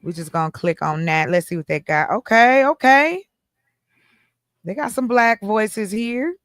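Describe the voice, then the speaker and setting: A woman's voice: mid-range voice, animated, a little slow, no echo. Female host, mid-range, playful and chatty, close dry sound. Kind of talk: casual group chat.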